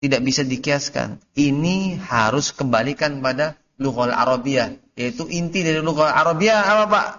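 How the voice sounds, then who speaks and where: A man teaching Arabic grammar in class. He reads the Arabic text slowly, then explains it and quizzes his students. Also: fairly high pitch, expressive, fairly bright tone. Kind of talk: classroom lesson. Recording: dull lo-fi audio recording.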